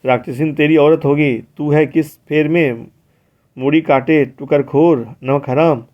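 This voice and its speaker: A man's voice: on the high side, steady tone, measured pace, close to an everyday voice. A man voicing a hot-tempered, middle-aged village wife who scolds sharply, read in a dull lo-fi audiobook recording. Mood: angry scolding.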